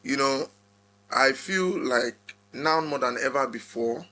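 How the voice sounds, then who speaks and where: A man's voice: mid-range voice, takes it slowly, bright, forceful tone, slight background noise. A man with a Nigerian accent co-hosting a podcast in casual chat, readily agreeing with the others. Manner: agreeable, often affirming others. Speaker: podcast co-host.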